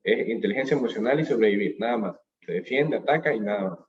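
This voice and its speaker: A man giving a motivational lecture on emotions at a business school, animated, asking questions and answering them himself, heard through a webcam on a video call. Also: fairly low pitch, fast talker, muffled recording. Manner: animated, asks and answers his own questions. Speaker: speaker at a business school talk.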